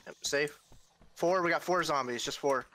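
A man's voice: a little high, moderate pace, sharp tone, slight background noise. A young man chatting casually while playing a co-op game, laughing and joking often. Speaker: gamer. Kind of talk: casual co-op gaming chat.

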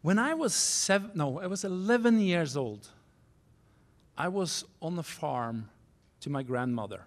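A man's voice: a little high, animated. Earnest Norwegian man at a podium. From Norway. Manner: earnest, halting, non-native phrasing with restarts. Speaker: keynote speaker. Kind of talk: storytelling keynote speech. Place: university auditorium stage. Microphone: podium microphone.

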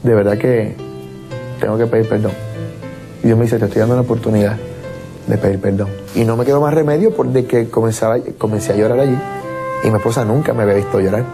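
A man's voice: mid-range voice, fast, music in the background. A man giving an emotional personal testimony, repeating words and acting out what he said back then. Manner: emotional, repeats words, acts out his own past quotes. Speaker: former merengue singer giving testimony.

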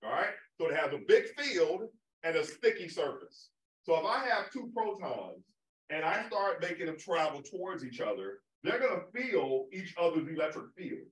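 A man's voice: fairly high pitch, big pitch swings, normal speed. A man giving a public astronomy lecture in a conversational way, often checking in with "right?". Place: observatory lecture room. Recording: roomy hall audio from far off.

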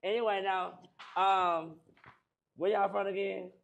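Young man, teasing slangy banter, slightly high pitch, comedian asking questions. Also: fairly even intonation, slow, gravelly, a bit bright, highs cut off.

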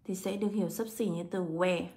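A woman English teacher, walking students through exam answers step by step and slowing down to read English words aloud. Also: lowish voice, steady tone, dark tone. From Vietnam. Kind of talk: exam answer walkthrough lesson.

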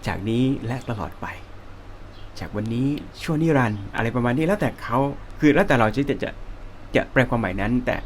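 A man with a Thai accent teaching singing, explaining slowly and breaking into high sung phrases. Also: animated, slight background noise. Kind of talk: relaxed spoken singing lesson with sung demonstrations.

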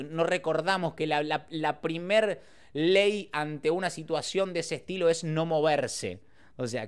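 A man's voice: fairly high pitch, clean tone. A young Argentine man telling a casual story as a podcast host, slangy and rambling with frequent filler tags. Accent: Argentine Spanish.

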